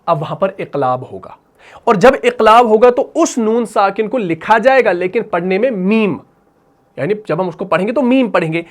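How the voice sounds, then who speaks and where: A man with a fairly high voice teaching Quran recitation rules. He explains patiently, repeats each point, and checks with questions. His examples come in slow, drawn-out recitation. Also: expressive. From Pakistan.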